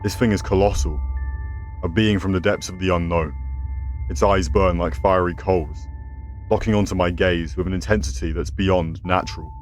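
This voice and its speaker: A deep-voiced man plays a horror host, reading scripted scary stories to his listeners as a storyteller. His delivery is theatrical and ominous, yet his tone stays steady at a normal speed. Music runs beneath the narration.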